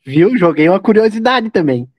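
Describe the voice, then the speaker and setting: A Brazilian man from the audience cutting in with a short joking remark. His voice is slightly high and picked up dry. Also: sing-song, moderate pace, darkish tone, dry recording. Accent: Brazilian Portuguese. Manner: joking, brief interjection. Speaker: congregation member. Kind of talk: audience comment.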